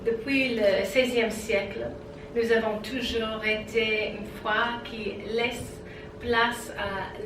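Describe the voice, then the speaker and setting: A woman pastor, not a native French speaker, giving a public talk in French with a foreign accent and halting, measured phrasing. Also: fairly high pitch. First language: not French; French is her fourth language. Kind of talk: public talk at an interfaith congress. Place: large room before a seated audience. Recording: echoey room, distant mic, noisy.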